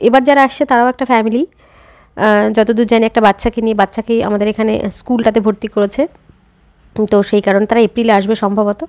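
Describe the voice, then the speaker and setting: A woman's voice: fairly high pitch, fairly even intonation, fast, darkish tone. A woman, chatting directly to viewers in a casual daily vlog. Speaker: vlogger.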